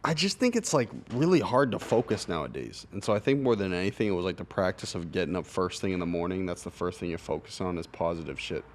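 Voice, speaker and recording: A man's voice: low voice, lively intonation, quick pace, few pauses, slight background noise. A young man guesting on a podcast, talking loosely in slang and swearing casually. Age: young adult. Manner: loose slangy talk, swears, says bro. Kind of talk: casual chat.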